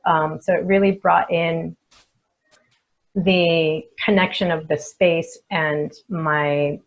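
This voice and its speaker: A woman, a feng shui expert and coach, answering interview questions in an unhurried, reflective way with many soft fillers. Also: deep voice, fairly even intonation, muffled recording.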